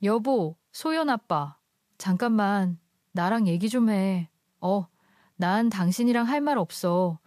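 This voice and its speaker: A woman's voice: mid-range voice, animated, takes it slowly, darkish tone, no room sound, studio quality. A woman voicing a desperate, self-pitying young wife who pleads and clings in a storybook narration. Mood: pleading.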